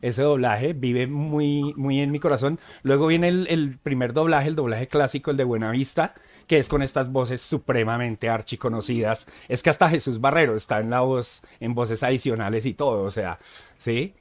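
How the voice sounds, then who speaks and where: A man co-hosting a casual podcast, chatty and easygoing, who often pauses on "eh" and checks in with "¿sí?". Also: medium pitch. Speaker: podcast co-host.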